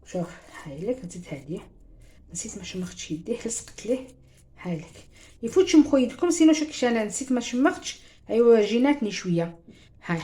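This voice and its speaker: A woman's voice: mid-range voice, warm tone, a little hiss or hum. A woman with an Algerian Arabic accent gives a chatty home cooking demonstration, talking straight to her viewers and mixing in French words. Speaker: cooking show host.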